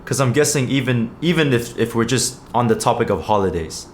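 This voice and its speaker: A man's voice: mid-range voice, lively intonation, brisk, a little hiss or hum. A man from Malaysia, hosting a podcast and asking careful, polite questions. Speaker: podcast host. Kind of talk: casual interview.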